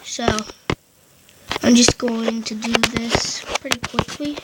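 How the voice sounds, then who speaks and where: Recorded on a headphone mic amid loud background noise, a woman with a slightly high, steady voice walks listeners through a casual game. She keeps stopping to correct herself and start over, so her delivery is halting.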